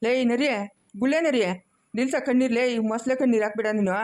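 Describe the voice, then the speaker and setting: A woman's voice: on the high side, quick pace, a little mellow, voice pushed down, natural voice. A woman voicing a mocking elder relative who taunts a wrongdoer. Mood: taunting. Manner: taunting, scolding.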